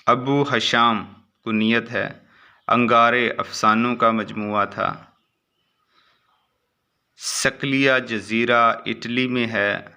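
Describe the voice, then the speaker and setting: Man reciting exam facts, gravelly voice. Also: mid-range voice, long pauses. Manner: steady recitation of short facts, brief asides. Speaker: exam prep teacher. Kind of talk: reading quiz answers aloud.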